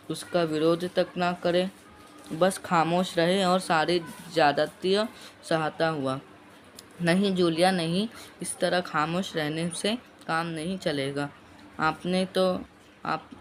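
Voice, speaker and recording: Stern, forceful employer voiced by a male teacher, loud and pitched a touch high, in a classroom story reading. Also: a little hiss or hum. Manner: louder, raised, emphatic delivery. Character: stern male employer, mocking then lecturing.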